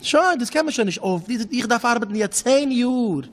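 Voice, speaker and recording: A man, a rabbi, giving an emphatic religious talk, repeating phrases and swinging between low murmurs and sharp exclamations. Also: animated, moderate pace, long reverb tail. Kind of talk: impassioned religious lecture.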